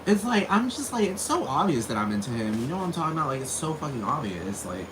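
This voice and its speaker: Crickets and insects fill the noisy background as a man from Puerto Rico, speaking with his native accent, goes on a rambling, profane vlog rant full of fillers. He talks quickly in a slightly high, sing-song voice.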